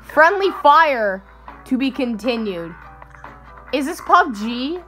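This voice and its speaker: Animated high-voiced woman reacting. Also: takes it slowly, faint music behind. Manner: incredulous, exclamatory. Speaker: reactor in a try-not-to-laugh challenge. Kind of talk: casual reaction commentary. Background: video clips playing on a laptop.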